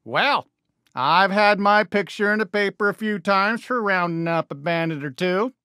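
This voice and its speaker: A man voices a friendly, folksy American toy cowboy sheriff for video game lines, eager and encouraging with a cowboy drawl. His voice sits high, bright, smooth and forceful at a moderate pace, recorded in studio quality with no echo.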